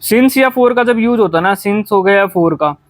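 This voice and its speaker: Man, high-pitched tutor voice; exam lesson, reads sentences slowly; dry booth sound. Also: no room sound. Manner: explains in Hindi mixed with English, reads English sentences slowly. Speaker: teacher.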